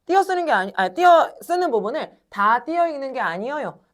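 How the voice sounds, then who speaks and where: A woman teaching a classroom lecture, talking straight to her students, asking questions and answering them herself, and stretching words slowly when she demonstrates. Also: sits high. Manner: animated, addresses students directly, asks and answers own questions.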